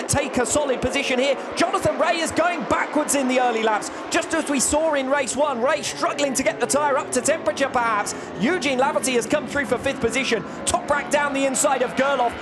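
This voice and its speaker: High-pitched man commentating a race. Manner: dramatic, articulate play-by-play delivery. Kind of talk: live sports commentary.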